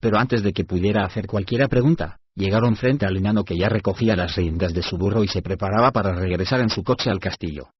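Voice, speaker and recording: Male narrator, deep and husky, steady storybook reading, dull lo-fi dry recording. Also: quick pace, few pauses, dry recording. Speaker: audiobook narrator.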